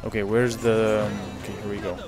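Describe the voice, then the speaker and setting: A man's voice: fairly low pitch, little pitch movement, fairly quick. A man playing a video game and commenting casually, with muttered asides and fillers. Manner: muttering asides with fillers, sometimes reading dialogue along. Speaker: let's play gamer. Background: game music.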